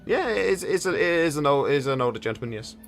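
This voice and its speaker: A man narrating a tabletop game as game master, improvising descriptions haltingly and repeating words as he goes. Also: on the high side, lively intonation, faint music behind.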